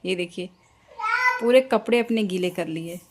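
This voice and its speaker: A woman's voice: lowish voice, moderate pace, darkish tone. Chatty young woman vlogging at home. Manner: chatty, explains her morning routine step by step. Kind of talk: casual home vlog narration. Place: at home, kitchen and house.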